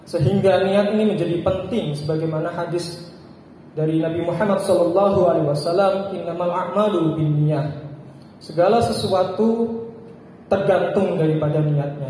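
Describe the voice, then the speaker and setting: Male preacher giving a Friday sermon, high voice, measured short phrases, deep hall reverb. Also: mellow, a little hiss or hum. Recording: echoey hall with long reverb.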